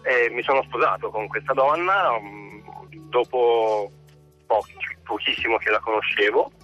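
A middle-aged man calling in over the phone from his parked car, speaking in a halting, hesitant way. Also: medium pitch, pushed and bright, soft background music. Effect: heard over the phone. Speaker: caller. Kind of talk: call-in radio chat. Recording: dull lo-fi phone line.

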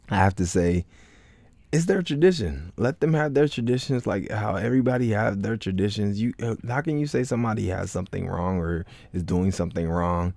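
Very deep-voiced rambling podcast host. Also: male voice, creaky, warm tone, no echo. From Florida, United States. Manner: rambling, heavy on "like, you know" fillers and restarts. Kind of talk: casual solo podcast monologue.

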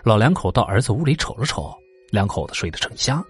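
A male narrator tells a folk-horror tale in an expressive, dramatic way, his pitch moving a lot from line to line. His voice is husky, and quiet music plays underneath. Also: quick pace. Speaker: storyteller. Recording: faint background music.

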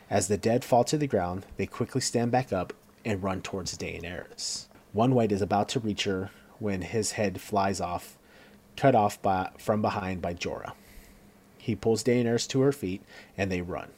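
A man's voice: on the low side, normal speed, darkish tone. A man giving a casual scene-by-scene recap of a TV episode, reading along with fillers and stumbles. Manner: reads along with fillers and self-corrections.

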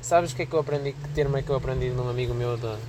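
A man's voice: mid-range voice, rapid-fire, background noise. A young man with a Portuguese accent, chatting casually as podcast co-host, joking in slang and acting out people in his stories. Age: young adult. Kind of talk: casual chat.

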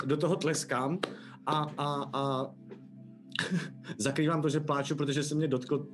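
A man's voice: on the high side, fairly even intonation. Stammering man player over music. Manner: stammering, laughing, describes actions. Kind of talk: casual tabletop role-play.

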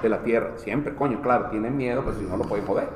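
A man with a Venezuelan accent, a comedian telling jokes on a live show, with halting starts. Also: on the low side. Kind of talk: joke telling. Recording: echoey hall with faint noise.

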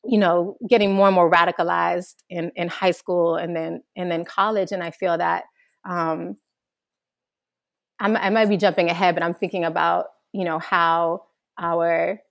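Earnest woman, low voice, dry sound. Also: moderate pace, creaky, no echo. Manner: earnest, flowing, animated when recounting childhood. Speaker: guest, organizer. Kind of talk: reflective interview answer.

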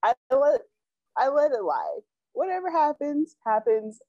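A woman's voice: high voice, unhurried, dry recording. A young woman hosting a casual chat podcast, telling a story and acting out what people said. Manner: animated storyteller, acts out quotes. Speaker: podcast co-host. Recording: dull lo-fi sound.

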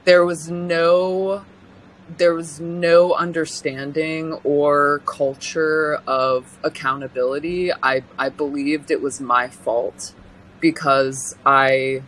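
Giving personal testimony in an interview, a deep-voiced young woman from California sounds earnest but halting, pausing and restarting often. Her tone stays steady. The recording is low quality, with slight background noise.

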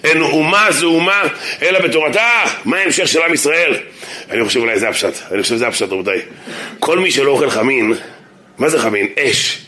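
A man who is a rabbi, giving a humorous Torah lesson in a synagogue. He speaks animatedly and jokes, swinging between loud shouts and low asides. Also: animated.

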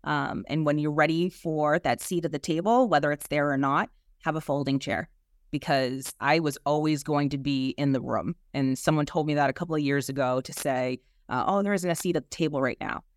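Low-key Boston woman in an interview, closely recorded. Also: steady tone, normal speed, no room sound, clean studio sound. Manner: emphatic, often ends points with a questioning tag. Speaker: interview guest, human resources executive. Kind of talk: conversational interview answers.

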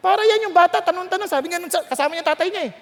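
A woman delivers a sermon in a strikingly high voice. She tells stories animatedly, slipping into voices and laughing along the way. Her words ring out with a long hall reverb. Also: racing. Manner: lively storytelling, acts out voices, laughs often. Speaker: preacher.

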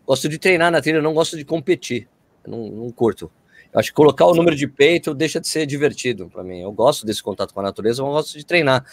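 A man's voice: mid-range voice, lively intonation, rapid-fire, no room sound. A man with a Brazilian Portuguese accent chatting casually as a guest, telling stories in slangy everyday speech. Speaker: running video creator, interview guest. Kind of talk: casual chat.

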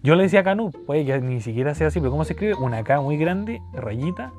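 A man's voice: on the high side, animated, quick pace, a little mellow, soft background music. A young man in his twenties with a Chilean accent, telling funny personal stories on a podcast in a slangy, rambling, joking way. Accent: Chilean Spanish. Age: 20s. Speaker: podcast host. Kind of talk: casual storytelling podcast.

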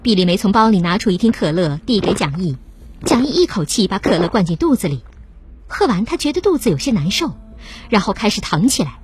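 A woman narrating a story in a steady, plain storytelling way. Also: medium pitch, a little fast, a little hiss or hum. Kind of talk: scripted narration.

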